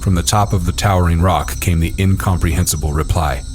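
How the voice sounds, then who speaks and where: A man narrating a novel aloud in a measured, steady storytelling manner. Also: deep voice, music in the background. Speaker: audiobook narrator.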